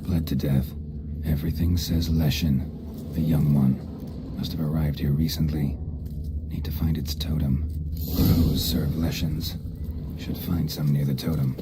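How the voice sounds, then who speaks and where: A stoic monster hunter from a video game, super deep monotone, terse and deadpan, noisy ambience behind. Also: male voice, measured pace. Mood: grim, focused. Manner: deadpan, muttering observations to himself. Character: stoic male monster hunter tracking a beast, terse and grim. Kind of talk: video game character monologue.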